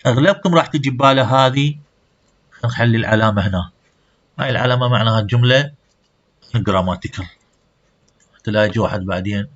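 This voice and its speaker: A man teaches a class at a middle pitch, stepping through examples as he moves between two languages. The recording is dull and a little lo-fi. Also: quick pace, long pauses. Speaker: language lecturer. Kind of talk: classroom lecture mixing Arabic and English.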